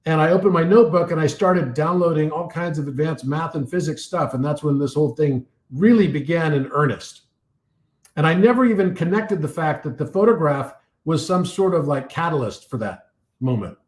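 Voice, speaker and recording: A man giving a live talk and taking audience questions, telling stories full of fillers and restarts while his voice is getting a little hoarse. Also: fairly high pitch, normal speed, echoey room. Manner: rambling storytelling with many fillers and restarts.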